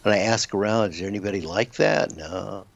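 Male guest author from the United States, rambling storyteller, gravelly low voice, dull lo-fi line. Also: steady tone, a little fast, no room sound. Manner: rambling, with frequent restarts and repeated words. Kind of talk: telling a personal story in a radio interview. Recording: dull lo-fi sound.

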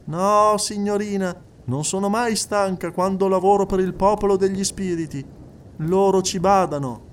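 A man's voice: high voice, steady tone, normal speed, slight background noise, pitched above the performer's own voice, natural voice. A man voicing a serious, distant woman spirit medium who speaks plainly and earnestly.

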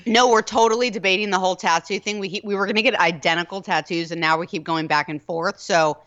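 A woman co-hosting a radio show, loud and excitable, laughing and swearing in casual banter. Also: lowish voice, quick pace.

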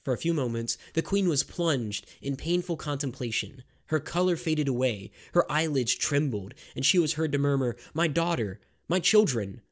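A man narrating a scripted history story in a measured, grave storytelling manner. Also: on the high side.

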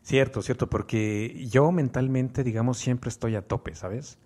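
A man's voice: medium pitch, a little slow, a little mellow. A man with a Mexican accent co-hosting a podcast, talking at length in an enthusiastic, motivational way. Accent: Mexican Spanish. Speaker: podcast co-host. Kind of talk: casual podcast chat.

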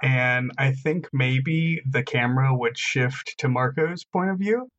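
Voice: medium pitch, measured pace, fairly bright tone, dull audio. A player in a tabletop role-playing game, describing his character's actions in a rambling way full of fillers.

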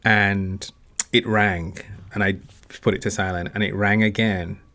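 A man's voice: lowish voice, a little slow. Nigerian man telling a story. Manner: animated storyteller, acts out quoted dialogue. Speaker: actor and guest. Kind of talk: casual interview storytelling.

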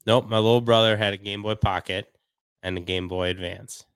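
Casual podcast co-host, young man, low-pitched, easygoing storyteller, dry studio sound. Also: steady tone, fairly quick, a bit bright, clean tone, no echo. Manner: laid-back storytelling, laughs often. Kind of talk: casual chat.

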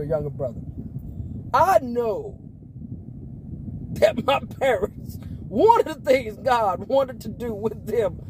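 High-voiced, lively man in his forties. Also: noisy background. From Las Vegas, Nevada, US. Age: 40s. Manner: laughs often, slangy and emphatic, bursts into shouts. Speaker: preacher and podcast host. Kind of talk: casual preaching talk.

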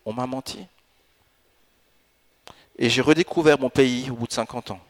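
A pastor in his fifties preaching a sermon in a church, with an animated delivery that rises into emphatic bursts. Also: mid-range voice, moderate pace. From France and Italy. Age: 50s. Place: church in Alsace.

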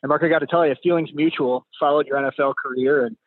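A man's voice: on the high side, fairly even intonation, quick pace, dry recording. A man who grew up between Ecuador and the United States, answering interview questions in a friendly, easygoing way. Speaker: podcast guest. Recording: phone-line call, dry.

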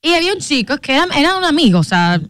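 A woman hosting a radio talk show, chatting casually and telling stories with animated laughter. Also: sits high, racing, no room sound, studio quality. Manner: animated storyteller, laughs often. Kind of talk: casual studio chat. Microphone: studio microphone.

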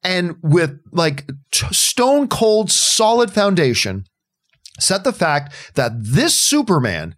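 A man's voice: high voice, very animated, slow pace, a bit bright. A man on a podcast panel, talking passionately and emphatically, with an occasional curse. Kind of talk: casual podcast discussion.

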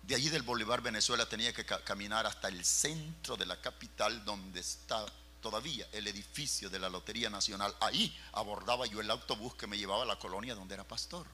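A man's voice: lowish voice, a little fast, bright, forceful tone, slight background noise. A man, a pastor telling a personal story in a fervent, dramatic sermon, calling his listeners brother.

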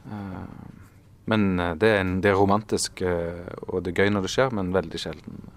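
A man's voice: deep voice, fairly even intonation, creaky. A man in his forties, an artist talking in an interview, thoughtful and searching for words with many fillers and restarts. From Norway. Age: 40s. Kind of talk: casual interview conversation.

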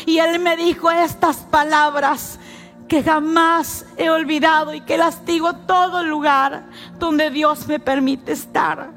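A woman giving an emotional testimony in a sermon, telling her story slowly and fervently. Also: sits high, steady tone, fairly bright tone, soft background music.

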